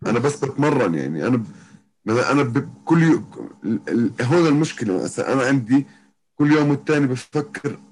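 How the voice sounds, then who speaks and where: Fast-talking man, husky Palestinian-Jordanian Arabic. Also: mid-range voice, expressive, a little mellow, poor audio. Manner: repeats himself, circles back over phrases. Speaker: interview guest, professional MMA fighter. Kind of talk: casual chat.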